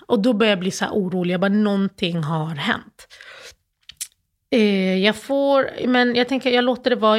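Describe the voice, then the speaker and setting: A middle-aged woman from Sweden speaks as an interview guest, telling her story in halting phrases. She fills her speech with fillers and restarts and acts out the old phone calls in her own voice. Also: medium pitch. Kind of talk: personal interview, emotional storytelling.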